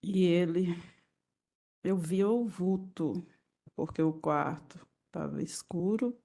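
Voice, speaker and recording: Slow, gravelly woman giving courtroom testimony. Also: lowish voice, warm tone. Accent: Brazilian Portuguese. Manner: halting, fragmented retelling. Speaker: victim testifying as witness.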